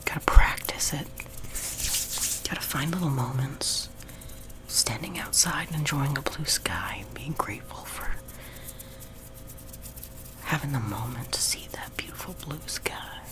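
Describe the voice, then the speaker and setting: A man's voice: mid-range voice, measured pace, long pauses. A young adult man hosting ASMR, rambling in a close whisper right into the listener's ear on a sensitive microphone. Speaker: ASMR video host. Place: small room at home, seated on a love seat. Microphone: sensitive high-gain close microphone.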